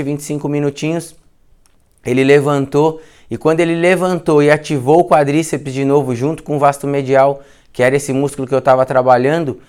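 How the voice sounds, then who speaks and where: A man's voice: a little high, clear, resonant tone. A man with a Brazilian Portuguese accent, a physiotherapist recounting a clinical case in a live class, chatty and informal, repeating phrases and dropping slangy asides. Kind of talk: informal storytelling case lecture.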